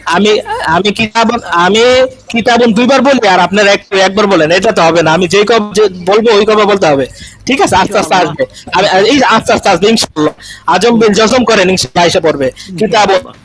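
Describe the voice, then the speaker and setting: High-voiced man drilling a class. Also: brisk, a crowd in the background, low-quality recording. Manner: repetitive drilling, frequent "thik ache". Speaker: Arabic teacher. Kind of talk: online class instruction. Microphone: video call.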